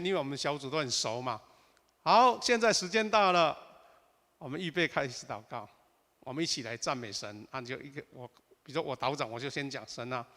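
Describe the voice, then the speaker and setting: A man's voice: a little high, fairly bright tone. A man pastor teaching at an online prayer meeting. He explains step by step and tags his sentences with a casual "ha". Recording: long hall reverb.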